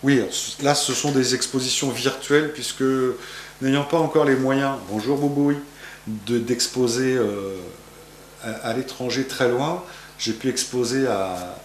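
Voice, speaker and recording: In his gallery, a fifties-aged painter from France responds to an interviewer at a measured pace, his mid-range voice wandering through many fillers and false starts. The sound is roomy, with a slight hiss or hum.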